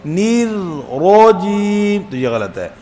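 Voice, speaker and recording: A man teaching a Quran recitation lesson, quizzing the students and calling out letter sounds loud and long. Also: a little high, lively intonation. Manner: drills letters aloud, loud and drawn out; asks students questions, jokes. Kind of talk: classroom tajweed lesson.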